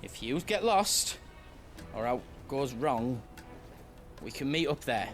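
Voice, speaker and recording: Earnest, slow-talking young man. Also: medium pitch, very animated, soft background music. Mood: careful, helpful. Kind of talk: video game drama acting.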